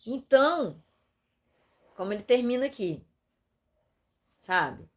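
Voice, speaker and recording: Brazilian woman pastor, fairly high voice, intimate and tearful testimony with chatty asides. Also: expressive, takes it slowly. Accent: Brazilian Portuguese. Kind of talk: personal testimony sermon.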